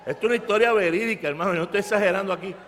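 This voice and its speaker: Man, Puerto Rican accent, preacher, high voice, animated, long church reverb. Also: rapid-fire, a faint crowd, slight background noise. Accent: Puerto Rican Spanish. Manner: animated, emphatic, rising to loud outbursts. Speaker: pastor. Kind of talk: storytelling sermon. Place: church sanctuary.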